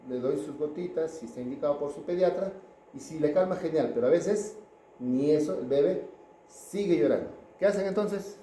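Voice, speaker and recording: A man's voice: on the high side, normal speed, warm tone, echoey room, a little hiss or hum, rough recording. A man giving a pediatrics class lecture, chatting with students and asking them questions.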